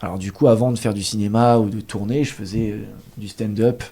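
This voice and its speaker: A young man in his twenties from France, telling his story as a guest in a casual interview, lively and full of fillers. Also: lowish voice, a little fast. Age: 20s. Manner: chatty, animated storytelling with fillers. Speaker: guest actor.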